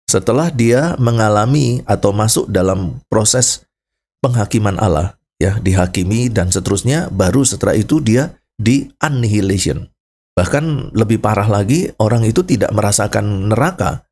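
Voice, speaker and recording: Animated man explaining theology. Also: on the low side, normal speed, slightly rough. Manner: animated storyteller, chuckles, acts out scenes.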